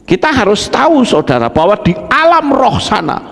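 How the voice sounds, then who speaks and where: A man's voice: high voice, wildly swooping pitch, moderate pace, gravelly, fairly bright tone. A man preaching a sermon, dramatically acting out voices and keeping up a direct address to the congregation. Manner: dramatic, acts out pleading voices, keeps addressing listeners. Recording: echoey hall reverb.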